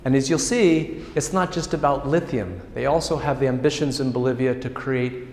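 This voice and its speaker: A man's voice: mid-range voice, normal speed, darkish tone. An American man from California giving an informal academic lecture, friendly and self-deprecating, with frequent restarts. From California, United States. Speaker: guest lecturer. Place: large public hall. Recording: roomy hall reverb.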